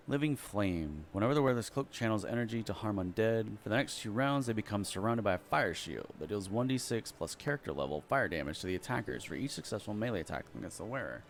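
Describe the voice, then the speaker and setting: A man's voice: lowish voice, slight background noise. A man hosting a casual let's play, reading item descriptions aloud and muttering asides as he shops. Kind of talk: casual gameplay commentary.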